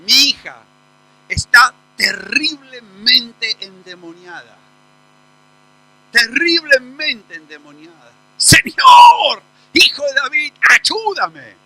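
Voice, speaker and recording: A man voicing a desperate mother who shouts and pleads for help while preaching a sermon. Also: very high-pitched, wildly swooping pitch, slow pace, exaggerated voice, low-quality recording. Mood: desperate pleading. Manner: crying out loudly, urgent.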